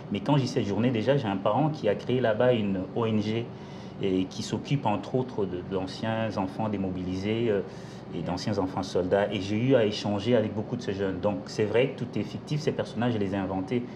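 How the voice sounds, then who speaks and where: A man from Congo, a novelist, answering interview questions in a measured, articulate way with some hesitations. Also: on the low side, background noise. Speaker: novelist guest.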